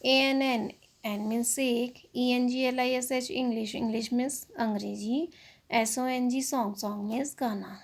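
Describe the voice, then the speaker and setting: Indian lady teacher spelling english words out one letter at a time, slow and a bit high. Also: fairly even intonation. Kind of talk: spelling and translating an English lesson in Hindi.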